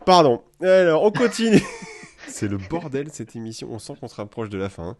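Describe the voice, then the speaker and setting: A man from France hosting a casual live chat, lively and playful, laughing often. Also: medium pitch, normal speed. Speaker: host. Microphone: live video call.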